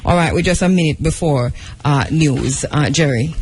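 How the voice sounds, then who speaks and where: A man's voice: on the high side, normal speed, slightly rough. A man with a Jamaican accent hosting a live radio discussion programme. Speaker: radio host. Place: radio studio.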